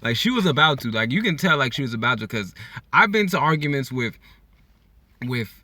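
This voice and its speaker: A young man from California ranting in a casual opinion vlog, animated and repetitive, full of slang, often checking in with "okay?". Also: medium pitch, brisk. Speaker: YouTuber vlogging his opinion.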